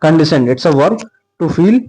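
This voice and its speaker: A man's voice: fairly high pitch, animated, slow, warm tone, slightly rough, low-quality recording. A man teaching exam vocabulary, mixing Hindi with words, repeating each term several times and spelling words out letter by letter. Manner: mixes Hindi explanation with English terms. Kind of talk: exam-prep vocabulary lesson.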